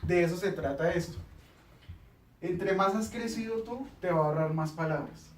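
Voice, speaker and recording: A man's voice: high-pitched, moderate pace, echoey room, distant mic, slight background noise, poor audio. A man hosting a casual studio chat, explaining communication tips and acting out little quoted exchanges.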